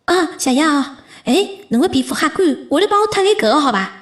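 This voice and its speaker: A woman's voice: high voice, big pitch swings, fairly quick. A woman with a Shanghai accent playing a coaxing woman in a comedy sketch. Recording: roomy, echoing sound.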